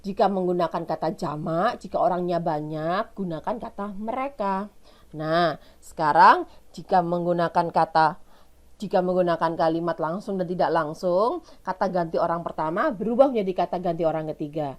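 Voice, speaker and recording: A woman's voice: on the low side, normal speed. Lady teacher with an indonesian accent walking kids thru grammar, asks questions then answers them herself. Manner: explains step by step with rhetorical questions. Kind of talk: recorded classroom lesson.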